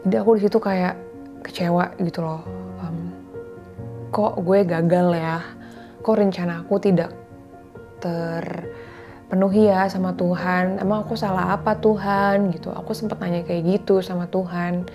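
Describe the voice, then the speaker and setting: Over background music, a vlogger in her thirties speaks at a measured pace with long pauses, her fairly low voice keeping a fairly even intonation. She talks earnestly and confidingly to viewers about faith and marriage in a casual, heartfelt way, slipping in English words.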